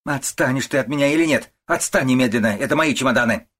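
A man reading an audiobook, voicing a shrill, hysterical older woman who wails and accuses, in a husky voice. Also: fairly quick, close to an everyday voice. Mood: shrieking. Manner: wailing, shrieking, accusing.

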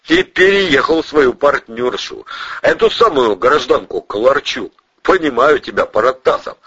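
A man's voice: medium pitch, lively intonation, unhurried, breathy edge, no room sound, pitched above the performer's own voice. A man voicing a sly, menacing middle-aged police colonel who mocks and coaxes a suspect. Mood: mocking. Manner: mocking, coaxing, drops to a threatening hush. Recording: dull dry lo-fi audio.

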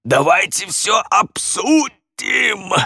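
A man voicing a brash, rude landlord on crutches who yells and pleads in a shrill voice. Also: sing-song, takes it slowly, dry recording, studio quality, heavily acted. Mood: shrill, panicky.

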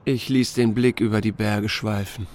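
A man with a lowish, darkish voice narrates an audiobook at normal speed and a steady tone, telling a small-town sheriff's story in the first person. He performs the dialogue in a dry, laconic, understated manner in this scripted narration.

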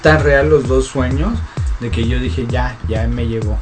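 Relaxed man radio co-host over music. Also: mid-range voice, a little slow. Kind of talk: casual radio chat.

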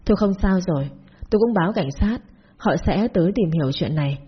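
A husky-voiced woman voicing a protective young male neighbor who speaks firmly and asks pointed questions in a storybook tale. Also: sits high, animated, brisk, dull audio, full character voice. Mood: scolding. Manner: firm, questioning.

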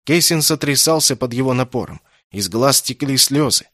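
A man narrating a fantasy novel as an audiobook, in measured, even storytelling. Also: medium pitch, dry recording, studio quality. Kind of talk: scripted literary narration.

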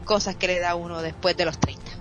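Guesting on an interview, this thirty-something streamer from Puerto Rico recounts her life with lots of energy, mixing English into her Puerto Rican Spanish-accented speech. She talks fast in a lowish voice, and the lo-fi recording sounds dull, with faint music underneath.

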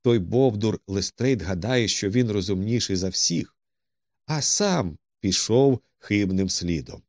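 A man doing a boastful, excitable police detective. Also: fairly low pitch, measured pace, no room sound, studio quality. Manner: boisterous, self-satisfied.

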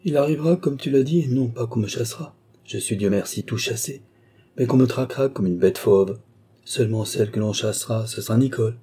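A man reading aloud and voicing a young male servant who replies calmly and coldly. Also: medium pitch, fairly quick, slightly rough. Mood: coldly defiant. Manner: calm, cold replies.

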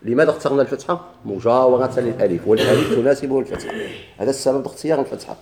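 A man with a Moroccan accent gives a grammar lesson in a dark, mellow voice. He poses a question, answers it himself, then drives the point home by repeating it. His pitch sits in an ordinary middle range. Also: very fast. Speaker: teacher.

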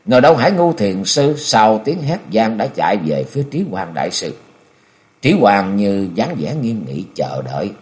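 A man's voice: lowish voice, sing-song, normal speed, a little mellow. A man narrating a martial-arts novel aloud with a dramatic, swinging delivery.

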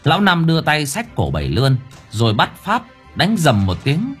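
A man narrating a ghost story audiobook in a vivid, expressive way. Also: on the high side, moderate pace, breathy edge, faint music behind.

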